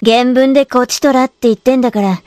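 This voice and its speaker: A bossy, teasing young woman instructor with a Kansai accent, played by a woman. Her voice is high and bright, recorded dry and close. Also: fairly even intonation, no room sound, lightly acted. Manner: brisk, teasing, commanding.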